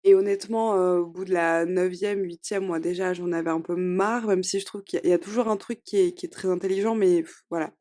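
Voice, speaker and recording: A woman's voice: lowish voice, fairly even intonation, a little fast, few pauses, warm tone. A young woman hosting a solo podcast, reviewing shows in a chatty, hesitant way with many fillers. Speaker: podcast host.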